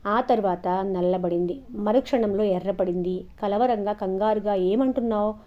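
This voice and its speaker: A woman storyteller narrating an audio novel in an expressive, steady way, in a dull lo-fi recording. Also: medium pitch, normal speed.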